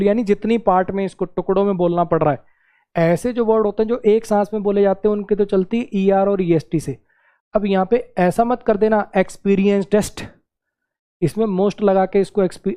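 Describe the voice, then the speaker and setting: Male grammar tutor, mellow and unhurried, stresses words one at a time, keeps checking the class follows. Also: high-pitched. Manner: explains step by step, asks the class questions, repeats words slowly. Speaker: English grammar teacher. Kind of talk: lecture for exam students.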